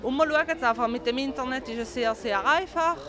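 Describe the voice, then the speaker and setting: A woman's voice: high voice, brisk, over music. Hesitant young woman. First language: Italian. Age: 20s. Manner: hesitant, friendly. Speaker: festival visitor. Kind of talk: vox pop interview. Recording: outdoor festival crowd.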